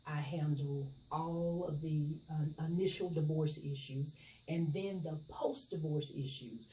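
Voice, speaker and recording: A middle-aged woman, speaking as a judge in an interview and explaining in a measured, formal way. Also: sits low, steady tone. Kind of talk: interview answers. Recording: echoey room, distant mic, loud noise.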